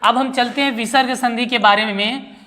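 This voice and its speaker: A woman teaches a grammar lesson in a fairly high, bright voice. She asks her pupils questions, answers them herself, and repeats each key word deliberately. The sound rings with a long reverb. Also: steady tone. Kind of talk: classroom-style grammar lesson.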